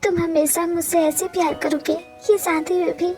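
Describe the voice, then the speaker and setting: A woman's voice: very high voice, flat delivery, moderate pace, music in the background. A woman voicing a heartbroken young wife who pleads tearfully and emotionally in a fan-dubbed romantic audio drama. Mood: pleading.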